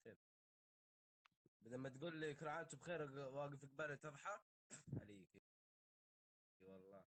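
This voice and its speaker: A man's voice: medium pitch, a little fast, pauses often, fairly bright tone, poor audio. A man with a Levantine Arabic accent bantering casually on a live stream in an exasperated, scolding, joking way.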